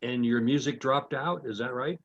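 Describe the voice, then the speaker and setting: Man on low-sample-rate video call audio. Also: normal speed. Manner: frank, plain-spoken critique. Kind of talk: casual group feedback on a video call. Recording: dull low-fidelity video call audio, faint music.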